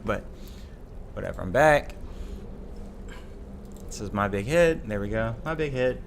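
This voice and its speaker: A streamer with a slightly raspy, lowish voice gives casual live game commentary, rambling and correcting himself as he thinks out loud. A little hiss or hum sits under the recording.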